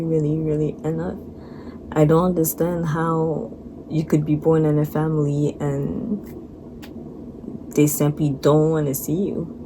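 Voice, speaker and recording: A young woman vlogging her personal faith testimony, earnest and halting, holding back tears. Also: low voice. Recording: noisy background.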